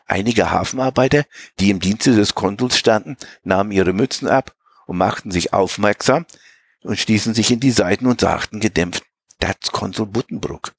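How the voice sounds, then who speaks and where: A man's voice: fairly low pitch, moderate pace. A man reading a novel aloud expressively, with small slips. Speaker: reader.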